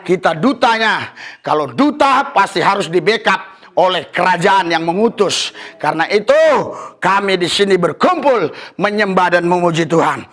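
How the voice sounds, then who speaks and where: A man preaching a fervent sermon as pastor, often calling out hallelujah and rising to exultant shouts. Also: sits high, lively intonation, moderate pace. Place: church service.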